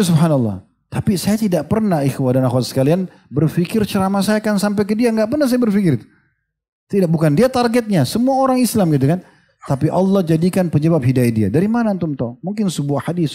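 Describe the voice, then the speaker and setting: Give me a middle-aged male preacher with a dark, relaxed voice, talking through a lecture in a conversational style. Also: sits high, quick pace, breathy edge. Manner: conversational preaching with stories and quoted dialogue. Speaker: Islamic preacher. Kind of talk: religious study lecture.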